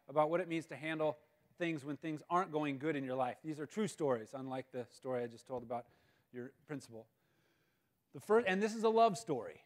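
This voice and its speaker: A man giving a humorous chapel talk as a guest speaker at a school, telling a story with animated outbursts. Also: a little high. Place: school assembly hall.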